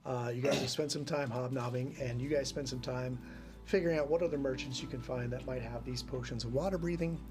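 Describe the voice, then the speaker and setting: A man narrating as game master, relaxed and pausing with fillers. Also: medium pitch, music in the background.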